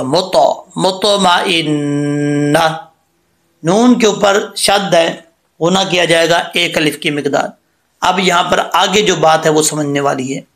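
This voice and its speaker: A middle-aged man teaches Quran recitation in a high, bright voice with a gravelly fry at its edges. He explains the pronunciation rules patiently, one step at a time. He keeps checking in with his listeners and goes back over his points to correct them. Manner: patient explainer who often checks in with "okay".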